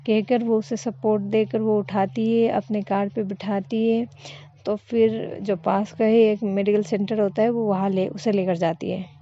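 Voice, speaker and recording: A woman's voice: mid-range voice, flat delivery, measured pace, warm tone, lo-fi sound. A woman telling a love story in a casual spoken way, chatty, describing actions as if gesturing them.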